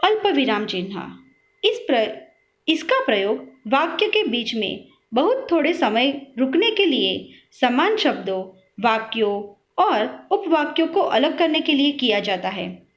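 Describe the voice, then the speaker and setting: A woman teacher giving a recorded grammar lesson, explaining slowly and clearly and reading out examples. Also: high-pitched, sing-song. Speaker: school teacher. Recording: dull lo-fi recording.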